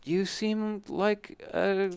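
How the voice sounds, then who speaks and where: A man's voice: high-pitched, drawn-out words, creaky, clear, resonant tone, no echo. A man from Colorado, co-hosting a podcast in casual chat, teasing and laughing often. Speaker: podcast co-host.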